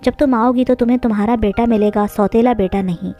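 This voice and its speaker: A woman's voice: fairly high pitch, fairly even intonation, a little fast, warm tone, faint music behind, lightly acted. A woman voicing a stern, short-tempered village father who talks bluntly. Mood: firm. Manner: scolding, blunt.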